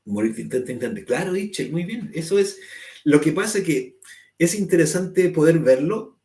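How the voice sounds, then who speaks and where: A man's voice: a little high, animated, normal speed, dark tone. A man teaching an online spiritual class, explaining patiently, acting out angry quotes, and checking "right?" with his listeners. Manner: explanatory, acts out angry quotes, asks "¿cierto?" often. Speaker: spiritual course instructor. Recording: echoey room.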